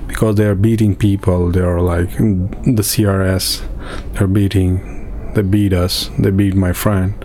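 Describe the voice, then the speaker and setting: A man from Afghanistan, giving halting personal testimony in an interview, with many pauses and restarts. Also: deep voice, level tone, dark tone, a little hiss or hum. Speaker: interviewee, refugee in a camp.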